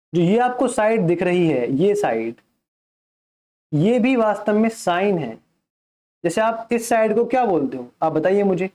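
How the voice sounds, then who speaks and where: Male math tutor, unhurried lecture delivery with a warm tone that drops English terms into his Hindi. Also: high voice. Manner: keeps asking the class questions and answers them himself. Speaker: math teacher.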